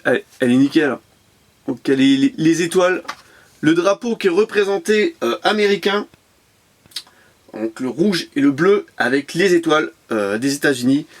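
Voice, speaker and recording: A man chatting enthusiastically as he shows off his toy car collection to camera, with lots of fillers and repeated words, recorded at home on a camera mic. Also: on the high side. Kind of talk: casual unboxing commentary.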